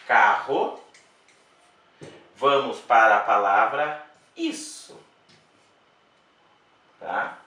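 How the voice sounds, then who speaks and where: A man teaching a Portuguese grammar lesson for exam prep, speaking slowly and deliberately, repeating words and checking in with the class. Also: mid-range voice, pushed and bright. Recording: very echoey room, voice from a distance.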